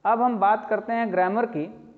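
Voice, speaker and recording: A man teaching a lively lesson, explaining with spoken examples and asking his students questions as he goes. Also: high-pitched, moderate pace. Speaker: English teacher. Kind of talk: classroom-style lecture. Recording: dull lo-fi sound with long reverb.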